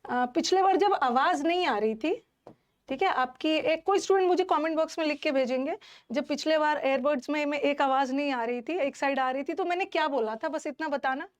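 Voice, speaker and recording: A woman's voice: high voice, brisk. A woman teaching an English class online, who scolds her students indignantly and mixes English words into her speech.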